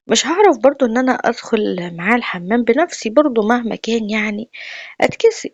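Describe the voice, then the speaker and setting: A woman's voice: fairly high pitch, a little mellow, no echo. A woman with an Egyptian Arabic accent telling a personal family story in a chatty, confiding, emotional way. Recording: dull lo-fi dry recording.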